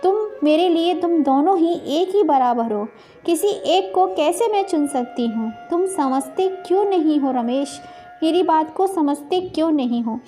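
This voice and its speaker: A woman plays a gentle young pregnant wife from a storybook who pleads and reasons. Her voice is high and mellow, with soft music beneath. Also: animated, a little slow. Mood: pleading. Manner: pleading, tearful.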